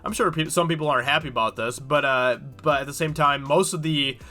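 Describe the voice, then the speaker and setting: On the high side and brisk, his sharp-toned voice is stuffed up by a cold. The YouTube host reads a news article aloud and rambles about it casually with many fillers.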